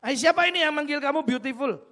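A man preacher voicing an angry, jealous husband in a joke, shouting accusations at his wife. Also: extremely high pitch, quick pace, pitched above the performer's own voice.

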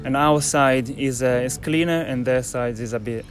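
A man with a Swiss Italian accent, a native Italian speaker, answering as a chef guest in a relaxed way full of hesitations and fillers. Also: mid-range voice, moderate pace, music in the background. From Italian-speaking Switzerland. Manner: relaxed, hesitant with many fillers, laughs easily.

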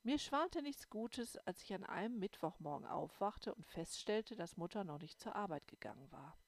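A woman narrating a first-person audiobook in a calm storytelling manner. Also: medium pitch, normal speed, creaky, no echo. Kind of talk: scripted narration.

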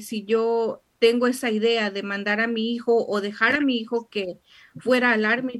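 A woman hosting a podcast interview, giving effusive, heartfelt introductions to her guest. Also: on the high side. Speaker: podcast host.

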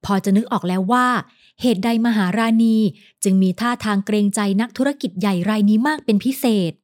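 A woman's voice: medium pitch, fairly quick, darkish tone. A woman narrating a romance novel as an audiobook, reading plainly and giving each character a light voice.

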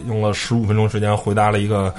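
A man hosting a casual car podcast, relaxed and repeating words as he talks. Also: fairly low pitch, fast talker. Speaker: podcast host. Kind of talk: casual chat.

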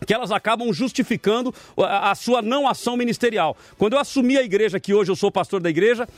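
High-voiced, fast-talking pastor host. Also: male voice, no echo, faint music behind. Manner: animated storyteller, emphatic and exhorting. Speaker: pastor and debate show host. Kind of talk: preaching-style talk show commentary.

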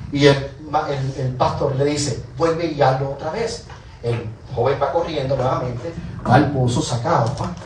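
A man preaching a sermon, telling a story with lively repetition for emphasis and calling on the congregation to respond. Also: fairly high pitch, distant mic. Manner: animated, repeats phrases for emphasis. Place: church hall. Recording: echoey room, voice from afar, faint ambient noise.

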